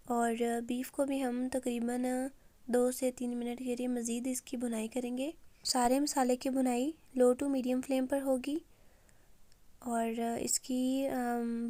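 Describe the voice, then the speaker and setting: Woman cooking-show host, hoarse from a sore throat, calm step-by-step narration with a flat tone. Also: on the high side, dry recording. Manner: calm, step-by-step with frequent "uh" pauses. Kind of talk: recipe voice-over.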